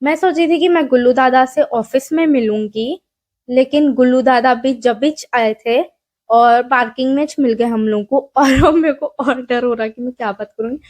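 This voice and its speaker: A woman's voice: high-pitched, normal speed, a little mellow. A young woman vlogger with a Hyderabadi accent, telling a story in a casual, rambling way with lots of fillers, recorded on a mic in a small room. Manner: chatty, rambling, self-deprecating, many fillers.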